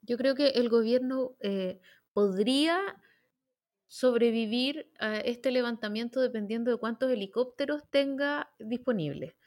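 Animated Chilean woman commentator. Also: on the high side, measured pace. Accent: Chilean Spanish. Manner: animated, emphatic, many fillers and restarts. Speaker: political commentator. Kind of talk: panel discussion.

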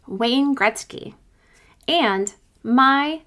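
A woman's voice: high voice, lively intonation, drawn-out words, pushed and bright. A woman hosting a solo coaching podcast, talking conversationally and giving informal, encouraging advice.

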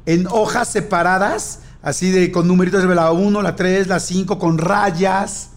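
A man's voice: high-pitched, fairly even intonation, a little slow. A man with a Mexican accent, animatedly telling an anecdote in casual chat and acting out the dialogue. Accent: Mexican Spanish.

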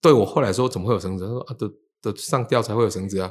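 A man's voice: lowish voice, rapid-fire. A man, a feng shui teacher telling stories in casual chat and acting out the quoted dialogue. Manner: animated, acts out quoted dialogue.

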